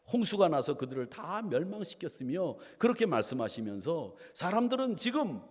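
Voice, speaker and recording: A male pastor delivering a Sunday sermon, asking the congregation rhetorical questions and mixing in playful asides. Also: a little high. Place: church sanctuary. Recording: long church hall reverb.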